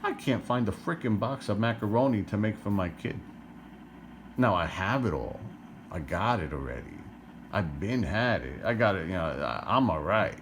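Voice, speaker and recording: A man's voice: low voice, lively intonation, normal speed, background noise. A middle-aged man from New Jersey ranting to camera, exasperated, firing rhetorical questions and repeating himself. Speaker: vlogger.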